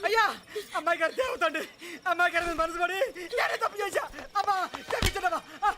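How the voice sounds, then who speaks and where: An actor playing a cowering male driver who wails and sobs in a high voice, in a film scene. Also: big pitch swings, rapid-fire. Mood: begging. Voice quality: high wailing sobbing voice. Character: cowering male driver caught lying, wailing. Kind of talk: Telugu film acting.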